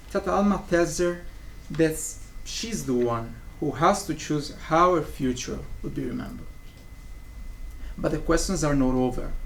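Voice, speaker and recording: A young man with a slightly high voice reads scripted narration summarizing a stage play, like a student narrator. The recording is low quality, with faint room noise behind him.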